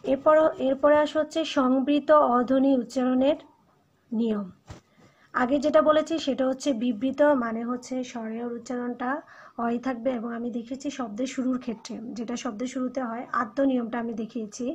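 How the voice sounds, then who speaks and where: High husky-voiced Bangladeshi woman teacher. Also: fairly even intonation, a little fast. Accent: Bangladeshi Bengali. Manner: explains step by step, repeats and stresses example words. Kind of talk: recorded classroom lecture. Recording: dull lo-fi recording.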